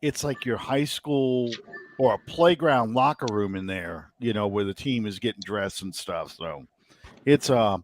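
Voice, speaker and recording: A man's voice: on the low side, unhurried. A man from the New Orleans area hosting a casual sports podcast, rambling and thinking aloud with many ums. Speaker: podcast host.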